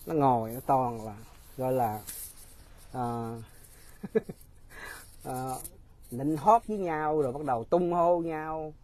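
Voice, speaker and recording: A man's voice: medium pitch, slow, pauses often, darkish tone. A man giving casual, mocking political commentary straight to his viewers, often laughing.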